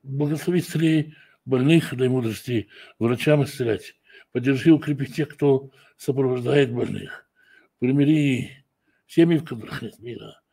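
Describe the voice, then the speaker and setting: A preacher and Bible teacher prays, then teaches a Torah study lesson from Scripture. His mid-range voice is mellow and slightly rough, and he speaks slowly and deliberately, frequently pausing to hesitate or fix his own words.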